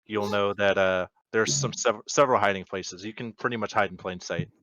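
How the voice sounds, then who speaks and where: A man's voice: on the low side, fairly quick, a bit bright, no echo, poor audio. A man narrating as game master of an online tabletop game, easygoing and dropping in fillers as he describes the scene.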